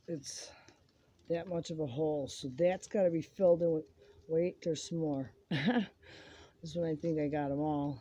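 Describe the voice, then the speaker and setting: A home gardening vlogger giving a casual hands-on demonstration, chatty and rambling as they work, filmed partly outdoors on a handheld phone. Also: mid-range voice. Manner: chatty and rambling, talks while working. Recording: noisy home video with handling clicks.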